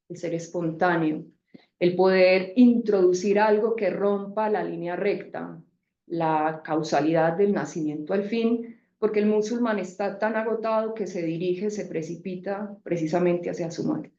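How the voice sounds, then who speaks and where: A woman speaker answering a question in an academic seminar, measured and explanatory. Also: fairly low pitch, mellow. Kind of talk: academic reply in a debate. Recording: echoey room, dull sound.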